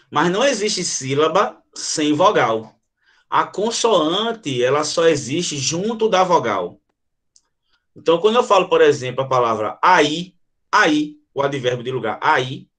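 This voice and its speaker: A man's voice: on the high side, fairly bright tone. A man teaching language in a live online lesson. He demonstrates the sounds himself, keeps checking in with his viewers and answers their comments as they come in. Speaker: Portuguese teacher.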